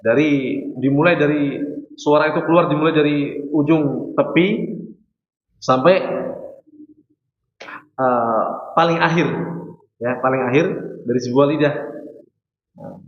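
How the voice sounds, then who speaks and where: A man's voice: on the high side, a little slow, long pauses. A man with a Javanese Indonesian accent teaching Quran recitation in a mosque class, explaining patiently, demonstrating sounds and quizzing his students. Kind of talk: religious class lecture. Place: mosque hall. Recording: echoey, dull mosque hall recording.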